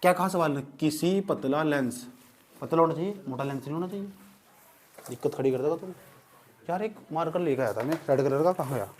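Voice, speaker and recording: High-voiced male teacher lecturing a class, playful, keeps asking if it's clear. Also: animated, fast talker, a little mellow. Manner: joking, repeatedly checks students understand. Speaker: physics teacher.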